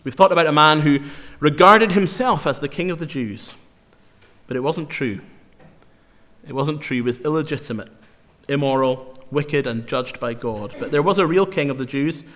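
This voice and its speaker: A man preaching a sermon in an earnest, emphatic way, slowing down to repeat key phrases for weight. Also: on the high side, fairly bright tone. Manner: earnest, emphatic, with slow dramatic repetitions. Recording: long hall reverb.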